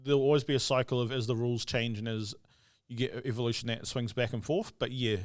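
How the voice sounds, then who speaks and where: Male co-host, mid-pitched, calm counterpoints, dry close recording. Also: no echo. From New Zealand. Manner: measured, chips in with short counterpoints. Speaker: podcast co-host. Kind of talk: casual sports chat.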